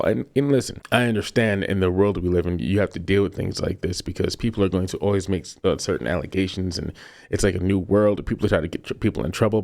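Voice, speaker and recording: A man in his thirties delivers a heated, repetitive opinion rant as a commentary host. His voice sits fairly low, and he talks in an emphatic, insistent way. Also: gravelly, darkish tone.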